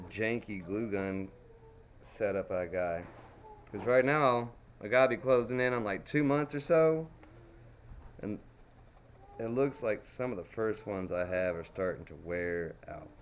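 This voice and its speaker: A lowish-voiced man from Dallas with a Texas accent streams himself painting with crayons, chatting folksily and casually to himself as he works. There's slight background noise.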